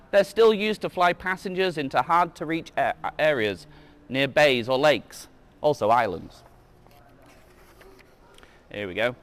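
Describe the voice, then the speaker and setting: His voice runs on the high side and a bit bright. Playing a museum guide, this man reads a children's book out loud with offhand asides, sometimes tripping over words and fixing his slips.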